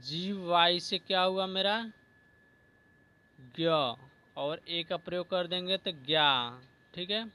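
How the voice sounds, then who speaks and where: Slow, bright-voiced male teacher. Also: high-pitched, smooth. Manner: slow, repeats words and says "ठीक है" often. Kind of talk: spelling lesson.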